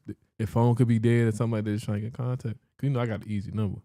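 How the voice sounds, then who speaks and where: A man's voice: fairly low pitch, little pitch movement, rapid-fire, mellow, no echo, clean studio sound. A man co-hosting a casual podcast, telling stories in a slangy, laughing way. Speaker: podcast co-host.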